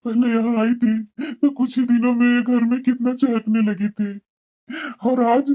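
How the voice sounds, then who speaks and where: A woman's voice: on the high side, little pitch movement, a little slow, close to an everyday voice. A woman voicing a caring, anxious older father-in-law in a cartoon, talking in a pleading, fretful way. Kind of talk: cartoon voice acting. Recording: dull lo-fi recording.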